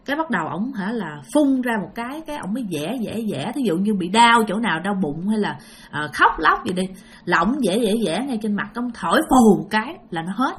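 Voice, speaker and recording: Animated Southern Vietnamese woman storyteller. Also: medium pitch, fairly quick. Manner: animated, addresses listeners directly. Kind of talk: casual ghost-story narration.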